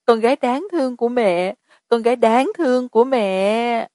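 A woman voicing a grieving mother who wails and sobs in shrill cries. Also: animated, normal speed, darkish tone, dry recording, clean studio sound, natural voice. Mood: wailing. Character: grieving mother, wailing and accusing.

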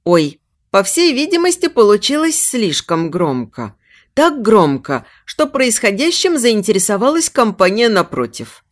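A woman narrating a first-person fantasy novel as an audiobook, telling it in an expressive storytelling way. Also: on the high side, unhurried.

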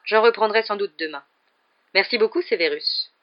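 Audiobook: reader plays a kind teacher wizard, soft and measured, mid-pitched, slightly muffled sound. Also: lightly acted.

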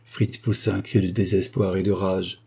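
A man narrating a classic novel in a steady, dramatic reading style. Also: sits low, normal speed, vocal fry, slightly rough. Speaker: audiobook narrator. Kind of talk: scripted narration.

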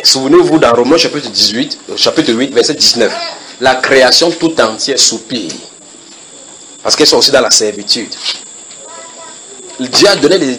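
A man's voice: mid-range voice, a bit bright, a little hiss or hum, low-quality recording. A man preaching at a house church Bible study, reading verses and putting questions to his listeners, repeating phrases for emphasis.

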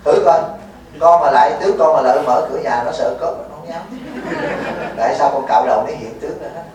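Amid crowd noise, a Buddhist monk with a slightly high voice talks at a quick pace, giving a folksy dharma talk at a retreat and teasing and quizzing those listening. The hall echoes, the mic sits far off, and faint noise can be heard.

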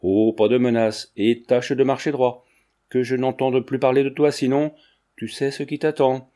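A man's voice: mid-range voice, little pitch movement, normal speed, warm tone, close to an everyday voice. A man reading a curt, furious countess. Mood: angry. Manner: curt, commanding, scornful. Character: furious haughty countess, middle-aged woman. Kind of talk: audiobook character reading.

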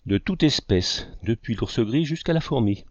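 A man's voice: mid-range voice, moderate pace, no echo, lo-fi sound, natural voice. A man reading as a teasing older uncle. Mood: dry. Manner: deadpan teasing.

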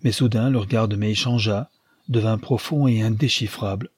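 A man narrating a literary audiobook in a measured storytelling manner, with a husky voice. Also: lowish voice, steady tone, darkish tone, dry recording, clean studio sound.

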